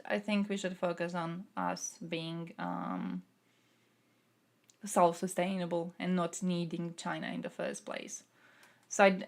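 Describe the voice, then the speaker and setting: A woman's voice: on the low side, vocal fry. A young woman from Croatia who streams and answers chat, talking through politics in a casual way, thinking aloud with fillers.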